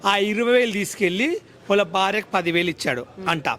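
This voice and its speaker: A man's voice: sits high, quick pace, fairly bright tone. A man, giving a heated interview and mimicking others in broken English.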